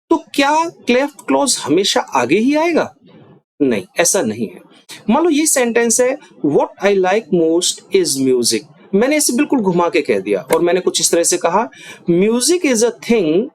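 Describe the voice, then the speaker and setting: A man teaching English grammar in Hindi, emphatic and chatty, saying example sentences slowly. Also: high voice, no room sound. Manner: animated, emphatic, chatty with asides.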